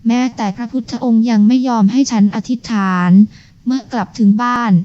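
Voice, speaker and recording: A woman's voice: on the high side, steady tone, darkish tone, no echo, natural voice. Ma Lan, a woman reading a quarrelsome older mother. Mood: grumbling. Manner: scolding, complaining, slow and insistent. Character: quarrelsome superstitious older mother, petty and loud. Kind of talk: audiobook character voice. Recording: dull lo-fi recording.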